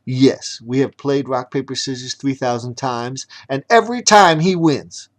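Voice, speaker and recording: Man playing a bratty teen villain bragging and bitter, slow storybook read. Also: mid-range voice, pitched above the performer's own voice, lightly acted. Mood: sulky. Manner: bragging, resentful monologue. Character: boastful sixteen-year-old boy game master villain. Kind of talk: storybook reading.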